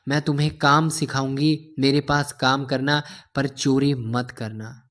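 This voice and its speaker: A man's voice: medium pitch, little pitch movement, unhurried, a bit bright, close to an everyday voice. A man voicing a young woman who sells momos, speaking firmly. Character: young woman momo seller, stern then kind.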